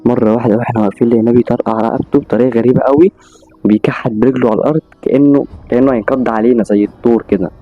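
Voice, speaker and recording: Rapid-fire Egyptian storyteller man. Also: mid-range voice, narrow, tinny audio, faint music behind. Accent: Egyptian Arabic. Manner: rapid, animated retelling. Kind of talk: casual horror storytelling.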